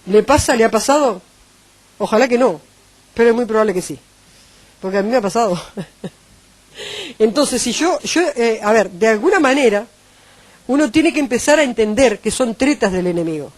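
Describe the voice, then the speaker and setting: A woman with a Uruguayan Spanish accent preaching a sermon, animated and acting out the voices she quotes. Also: a little high, moderate pace, pauses often, no echo.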